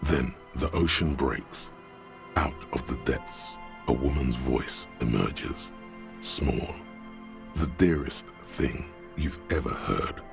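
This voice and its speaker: A man voicing a grave, brooding game narrator, delivering slow, dramatic, somber narration. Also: very deep voice, creaky, music in the background, exaggerated voice. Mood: ominous.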